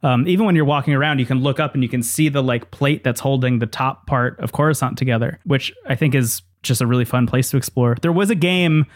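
A man's voice: mid-range voice, quick pace, few pauses. A man co-hosting a casual podcast chat about games, rambling enthusiastically with many fillers while losing his voice. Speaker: podcast co-host.

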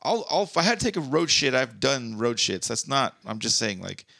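A man's voice: mid-range voice, sing-song, fairly quick, creaky, sharp tone, dry recording. A man co-hosting a podcast in casual chat, crude and laughing often, reading news stories aloud. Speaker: podcast co-host.

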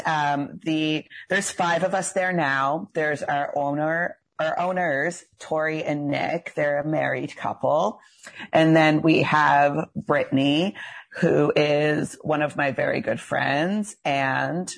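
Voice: mid-range voice, gravelly. A young adult esthetician from Cape Breton with a Canadian accent, chatting casually as an interview guest in a female-sounding voice. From Cape Breton, Nova Scotia, Canada. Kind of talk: casual chat.

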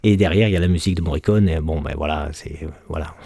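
A man from Marseille, a sound engineer, speaking as an interview guest in a passionate, halting way. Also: rumbling low, dark tone, no room sound, clean studio sound.

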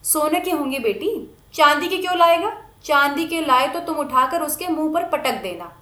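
Woman reading as a doting old grandmother, fond and teasing, high lively voice, echoey room, storybook narration. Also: moderate pace.

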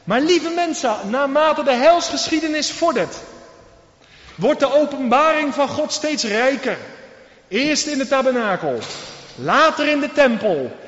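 Male preacher, high and lively delivery, emphatic sermon with rhetorical questions; echoey church hall with long reverb. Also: measured pace, dull audio.

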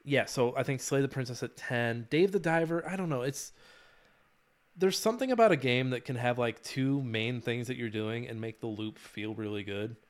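A man's voice: mid-range voice, moderate pace. A man co-hosting a gaming podcast in a loose, casual way. He talks animatedly, swears freely and often breaks into laughter. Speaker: podcast co-host. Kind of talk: casual chat.

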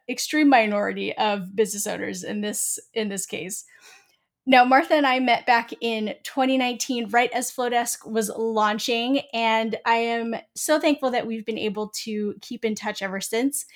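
A woman hosting a podcast interview, upbeat and quick-talking. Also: a little high. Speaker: podcast host.

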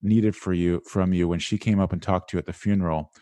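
Low, mellow-voiced man, dry sound. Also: quick pace, dry recording. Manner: casual and animated, many "like" fillers. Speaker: guest, school resilience speaker. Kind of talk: conversational interview.

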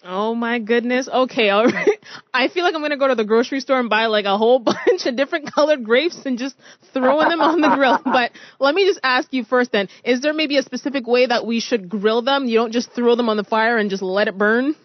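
A woman hosting a radio show, with a fairly high voice. She is playful and laughs easily as she asks questions. The sound is dry, with no room, and slightly dull. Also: a little fast, no echo. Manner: giggly, playful, laughs often. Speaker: radio host. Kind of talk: radio interview.

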